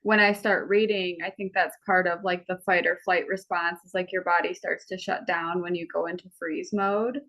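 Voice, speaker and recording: A woman's voice: on the low side, fairly even intonation, moderate pace, few pauses, fairly bright tone. A woman co-hosting a podcast in casual, open chat, rambling with lots of "like". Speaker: podcast co-host. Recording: dull lo-fi recording.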